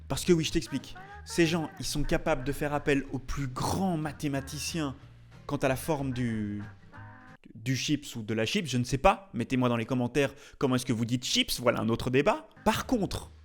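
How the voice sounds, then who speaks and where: A man with a medium-pitched, expressive voice talks at a moderate pace over background music. He's a YouTube host and tattoo artist, chatting casually with jokey commentary and theatrical, mock-indignant asides.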